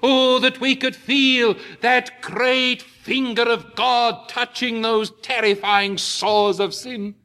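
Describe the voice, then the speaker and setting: Male preacher, very high bright voice, deliberate unhurried sermon delivery with impassioned climbs. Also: level tone. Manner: slow, emphatic preaching with rising impassioned peaks.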